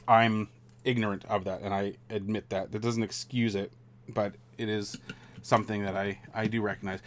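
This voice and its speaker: Low-voiced man chatting on a stream. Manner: rambling, relaxed, many fillers and restarts. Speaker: streamer building a model kit. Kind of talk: casual live-stream chat.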